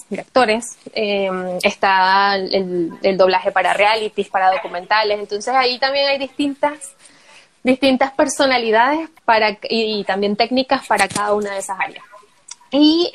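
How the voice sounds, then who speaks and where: Talking casually in an interview, this Venezuelan voice actor and announcer is lively, laughs a lot and acts out examples. Her voice is a little high, and the poor audio carries a slight hiss or hum.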